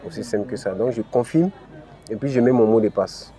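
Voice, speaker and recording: Here the crypto host's African French-accented voice is lowish and mellow, moving along a little fast. He breaks his screen-recorded tutorial into clear steps, filling the gaps with frequent "ok" and "voilà."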